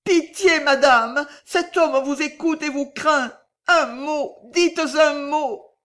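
A woman's voice: high-pitched, takes it slowly, a bit bright, pitched above the performer's own voice. A woman voicing a desperate young girl singer who pleads and sobs in a strained, tearful voice. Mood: pleading.

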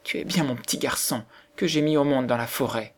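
A man voicing a grieving beggar mother who pleads softly and quietly. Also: mid-range voice, a little fast, lightly acted. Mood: pleading.

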